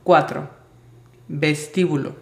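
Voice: mid-range voice, fairly even intonation, slow, vocal fry. A language teacher giving a spoken lesson, patiently spelling out sounds letter by letter. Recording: roomy echo.

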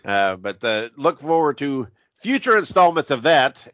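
A man with a stuffy, congested voice that sounds like he is inside a box, chatting casually and haltingly as a podcast host while sick. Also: on the high side, big pitch swings, a bit bright, no room sound, lo-fi sound. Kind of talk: casual horror movie review podcast chat.

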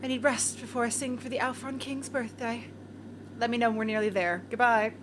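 A woman's voice: fairly high pitch, fairly even intonation, brisk, lightly acted. A woman voicing a vain, pompous female diva singer who is condescending and cruel, in a comedy audio drama. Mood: haughty. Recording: audible background noise.

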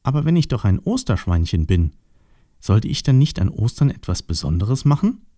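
A man's voice: fairly low pitch, big pitch swings, moderate pace, warm tone, no room sound, studio quality. A man voicing a small, shy, colorful piglet in a storybook, with a timid, childlike and wistful manner. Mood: sad. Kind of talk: storybook voice acting.

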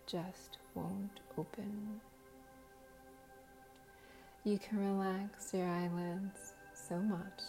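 A woman guiding a hypnosis relaxation in a slow, soothing, measured hypnotist manner, with long pauses and a soft voice that turns breathy at phrase ends. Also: medium pitch. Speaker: guided hypnosis and meditation host.

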